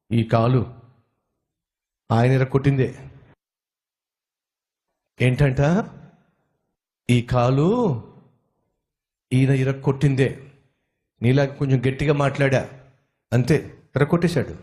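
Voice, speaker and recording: A man voicing a humble, limping man who speaks gently and earnestly. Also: medium pitch, natural voice.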